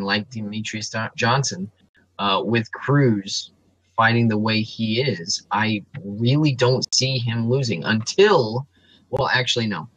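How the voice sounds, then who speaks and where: A man co-hosts a laid-back sports talk show, his voice a little low but bright and forceful. He runs through rankings and records methodically, pausing on plenty of ums. The sound is close and dry. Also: no room sound, rough recording. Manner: analytical, reels off stats with frequent ums. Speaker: sports podcast co-host.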